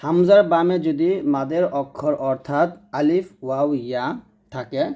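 Male teacher, patient and repetitive, warm mellow tone, lesson delivery. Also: on the high side, normal speed. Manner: patient, repeats rules, checks understanding. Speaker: Quran reading teacher. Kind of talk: explanatory lesson.

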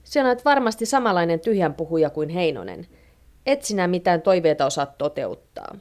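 A woman voicing a hot-tempered housewife who scolds her husband loudly in a storybook reading. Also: on the low side, very animated. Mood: scolding. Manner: loud scolding.

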